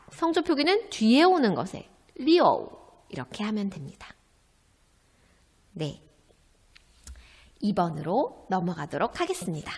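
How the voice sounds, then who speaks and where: A woman with a fairly high, lively voice teaches a recorded Chinese lesson. She speaks slowly and carefully, asking questions and then answering them herself. A long reverb trails her words. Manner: slow, careful drilling of pinyin sounds.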